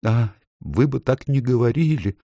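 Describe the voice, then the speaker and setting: Man doing a sad weepy faun guy, soft and guilty, voice pushed up. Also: mid-range voice, lively intonation, moderate pace, no room sound, voice pushed up. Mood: sobbing. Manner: sobbing, mournful. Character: gentle, sorrowful male faun, guilt-ridden.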